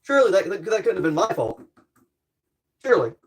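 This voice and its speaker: A man's voice: sits high, big pitch swings, brisk. Jokey man narrating his tinkering. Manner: rambling, jokey self-deprecating running commentary; talks to viewers while working with tools. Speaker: livestreamer. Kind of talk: casual livestream chat while tinkering.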